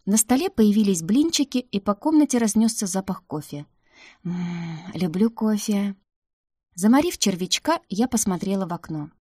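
A woman narrating a first-person audiobook in an even storytelling manner. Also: mid-range voice, fairly quick, hardly any pauses, breathy edge, no echo, studio quality.

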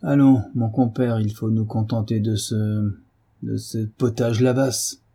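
A man reading aloud, voicing a brutal middle-aged father who shouts roughly and sarcastically. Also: on the low side, fairly even intonation, measured pace, exaggerated voice. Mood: furious, gruff.

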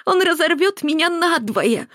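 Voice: very high-pitched, animated, unhurried, a bit bright, dry recording, studio quality, voice pushed up, full character voice. A reader doing a sobbing woman in labor. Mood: anguished. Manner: sobbing, straining, through clenched teeth.

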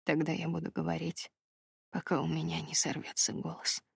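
A woman reading the part of a remorseful young fisherman in love, speaking low in a husky half-whisper. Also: moderate pace, no room sound, clean studio sound, heavily acted. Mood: devoted. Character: remorseful crab-fisherman lover, young man.

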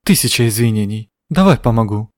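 A man's voice: on the low side, animated, fairly quick, a little mellow, dry recording, lightly acted. A man voicing a ragged boy thief who apologizes with exaggerated, mocking politeness. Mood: apologetic. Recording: dry studio sound.

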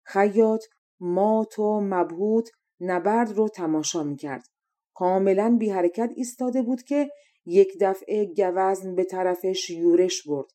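A young adult woman narrating a fairy tale as an audiobook reader, calm and measured. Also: mid-range voice. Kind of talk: storybook narration.

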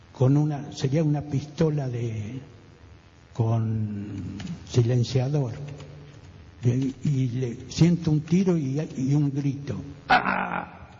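An older man with a Rioplatense accent giving a halting personal testimony as a radio guest, often repeating words and acting out other people's voices. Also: medium pitch, dark tone. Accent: Rioplatense Spanish. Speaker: witness guest. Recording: dull roomy radio recording with faint hiss.

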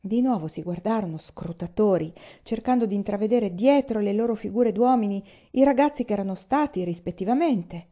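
Woman reading a novel aloud, calm measured pace, mellow warm tone, kinda dull recording. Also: medium pitch. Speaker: reader. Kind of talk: audiobook narration.

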